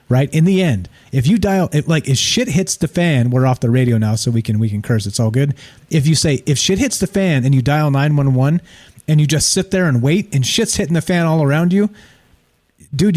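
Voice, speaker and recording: A man's voice: fairly high pitch, darkish tone. A man hosting a talk show, giving his opinions in a casual, emphatic way, repeating himself and checking in with rhetorical questions. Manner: informal, emphatic, repetitive phrasing with rhetorical questions. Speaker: talk show host taking calls and chat.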